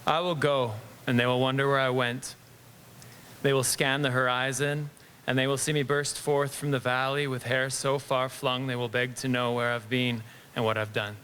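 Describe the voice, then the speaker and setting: A man from Southern Alberta reading his own reflective poem at a live open mic, measured, then wry after. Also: mid-range voice, flat delivery, sharp tone, a little hiss or hum. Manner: measured, wry between poems. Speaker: poet. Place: small acoustic lounge with live audience.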